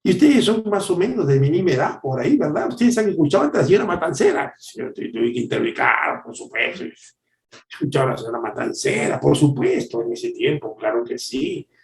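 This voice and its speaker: A middle-aged man preaching a devotional sermon as a pastor, telling stories with animated swings from loud exclamations to hushed asides. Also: on the high side, brisk, gravelly, reverberant.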